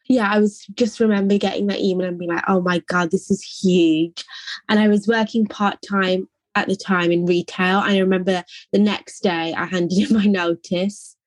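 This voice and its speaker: A young woman from England, an artist answering interview questions in a soft, reflective way, often saying "like" and "I think". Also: medium pitch, dry recording.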